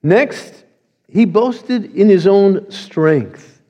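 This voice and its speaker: A man preaching a sermon, reading scripture slowly and deliberately. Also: high-pitched, expressive, dark tone, long reverb tail, dull audio. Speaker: pastor.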